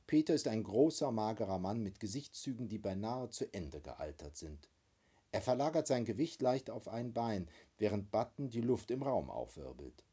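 A male audiobook narrator reading a first-person story in a low, dark and husky voice. His delivery is expressive and wry, and his pitch moves widely through each sentence. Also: normal speed.

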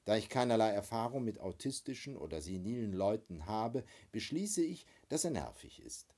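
A man's voice: lowish voice, sing-song, normal speed, dark tone, slightly rough, full character voice. A man voicing a tall, gaunt old man on oxygen who complains bluntly, in an audiobook reading. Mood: grumbling.

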